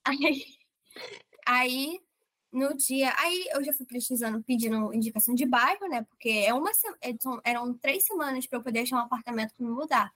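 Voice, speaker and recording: A young woman from Brazil telling an interviewer, in a casual and animated way, how she was approved, quoting herself and others as she goes. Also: high voice, brisk. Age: young adult. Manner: animated, quotes herself and others in lively voices. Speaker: approved medical student guest.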